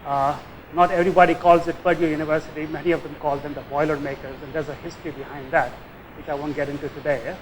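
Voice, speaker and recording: Older man, Tamil Indian accent, higher-pitched voice. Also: level tone, fast talker, slight background noise, rough recording. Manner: conversational, often tags phrases with "eh?" or "yeah?". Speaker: guest lecturer, nuclear engineering professor. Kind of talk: informal public lecture.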